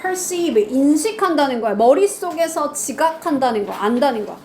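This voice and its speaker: A woman's voice: high voice, animated, moderate pace, darkish tone, a little hiss or hum. A woman teaching grammar in a lecture, quizzing her students and answering her own questions.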